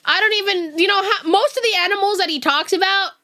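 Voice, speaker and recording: Her pitch is extremely high, and she talks fast in a pushed, bright voice. She's a young VTuber streamer with a neutral US West Coast accent, laughing frequently as she chats casually with her chat.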